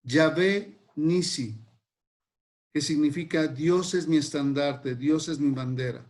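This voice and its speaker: A man preaching a sermon, slowly explaining names of God and then leading a prayer. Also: a little high, darkish tone. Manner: slow and deliberate, lingering over names.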